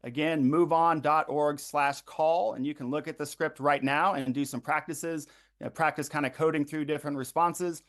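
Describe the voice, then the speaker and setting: A man's voice: fairly high pitch, steady tone. A man organizing a phone bank, walking volunteers through a calling script with frequent ums and uhs. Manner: frequent ums and uhs, repeats web addresses slowly. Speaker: campaign organizer leading a phone bank livestream. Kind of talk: instructional briefing to volunteers.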